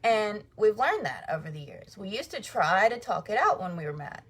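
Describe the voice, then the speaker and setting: A woman's voice: mid-range voice, sing-song, moderate pace, breathy edge. A woman vlogger telling her viewers a personal faith story, chatty and emphatic, speaking straight to them. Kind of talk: casual faith testimony storytelling.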